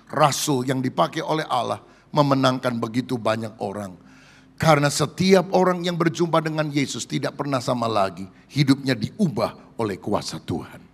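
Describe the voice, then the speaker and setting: A male pastor preaching a sermon, telling stories to his congregation and often calling them brothers and sisters, with big swings in pitch and loudness. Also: big-room sound.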